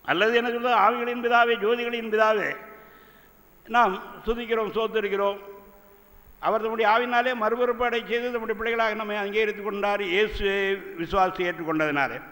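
An older male pastor preaches a sermon in a voice that sits very high and rings bright. He works slowly through scripture and reads verses aloud into desk microphones. A long hall reverb trails after his words. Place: church conference stage, indoors. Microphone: two desk microphones.

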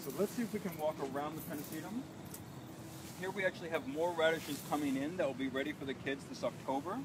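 Speaking quickly in a fairly high voice, a farm manager in his thirties cheerfully explains vegetables on a live guided tour of an outdoor urban garden. He walks along and points at the plants. The phone camera is a few feet away, and the recording picks up outdoor noise.

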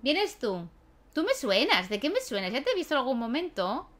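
A woman's voice: high voice, sing-song, moderate pace, fairly bright tone. A young woman, chatting casually as she plays a life-sim game and talks to her characters, laughing often. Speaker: gaming YouTuber. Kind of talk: casual let's-play commentary.

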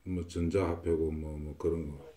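This man has a dark bass voice, a level tone, and a measured pace. As a fortune teller in a consultation, he makes confident predictions and repeats himself often.

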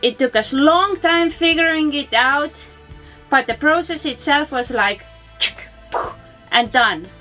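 A woman's voice: sits high, slow pace, pushed and bright, soft background music. A woman on a sailboat outdoors, casually chatting with short questions and comments. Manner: brief, questioning remarks. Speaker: co-host, sailing partner. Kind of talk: casual chat.

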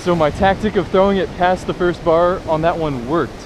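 A young man filming a fishing vlog on a beach, talking to viewers in a joking, excitable way. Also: high-pitched, normal speed. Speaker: fishing vlogger. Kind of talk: casual excited vlog commentary. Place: beach by the surf, outdoors. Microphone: action camera. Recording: wind and surf noise.

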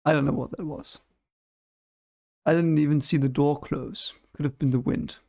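This young adult host brushes off the clips he's reacting to as fake, talking casually into a desk mic in a home room and now and then hunting for words. His voice is slightly high with a darkish tone and vocal fry, and his intonation is fairly even at a moderate pace.

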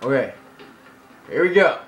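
Over video game music from the TV beside him, a man at home does casual, goofy, hyper commentary as a let's play host. He speaks a little slowly in a sing-song, medium-pitched voice. The recording is rough.

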